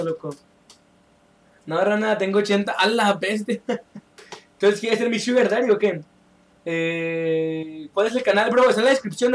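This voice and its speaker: High-voiced young streamer. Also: male voice, fairly bright tone. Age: young adult. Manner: chatty, joking, reads chat aloud and calls out mid-game. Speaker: game streamer. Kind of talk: live gameplay stream chat.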